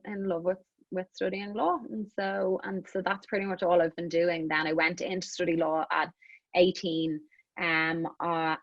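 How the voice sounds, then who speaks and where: Irish woman in her 30s chatting as a guest, lowish voice, kinda muffled dry audio. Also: no echo. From Ireland. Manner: chatty, many restarts and fillers. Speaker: guest, immigration attorney. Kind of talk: conversational interview.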